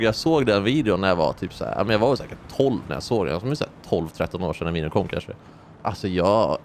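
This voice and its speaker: A man in his twenties giving casual, excitable gameplay commentary as host of a gaming channel, joking and rambling as he plays. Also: fairly low pitch, slight background noise.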